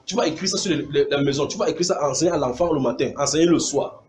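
A man preaching a sermon, animated, mimicking sounds and calling out to his congregation. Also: on the high side, fast talker.

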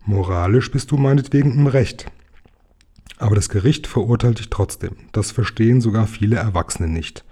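A man voicing a clever, bossy boy leader in a children's story, in his own low, husky voice and a lecturing tone. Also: moderate pace, warm tone.

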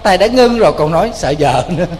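A Buddhist monk with a Southern Vietnamese accent tells a story during a sermon, speaking directly to his audience in an animated, colloquial way. His voice is high-pitched and he talks fast, in a large hall.

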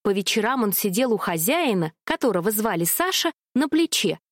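A woman reading a children's story aloud with gentle, expressive narration. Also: mid-range voice, moderate pace, dry recording, clean studio sound.

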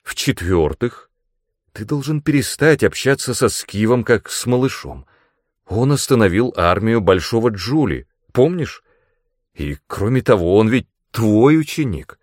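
Audiobook: a sly young woman ex-assassin, put on by a man, teasing, raised and lively. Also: on the low side, dry recording, studio quality. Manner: teasing, brisk and reasoning. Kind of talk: audiobook character reading.

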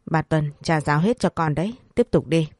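A woman's voice: deep voice, brisk, a little mellow, no echo. Elderly house patriarch , read by a woman: stern, clipped, dry close sound.

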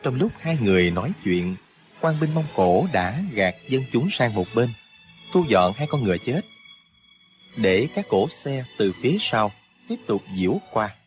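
A man narrating a martial arts novel for an audiobook, in an expressive, steady storytelling manner. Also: mid-range voice, measured pace, dull audio, faint music behind.

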